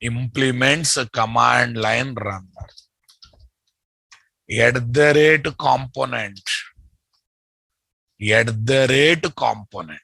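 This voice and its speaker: Gravelly Telugu-accented man teaching coding. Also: mid-range voice, takes it slowly, pauses often, pushed and bright, dry recording. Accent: Telugu Indian English. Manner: repeats phrases, addresses students with questions and tags. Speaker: programming instructor. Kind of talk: live coding lesson, thinking aloud.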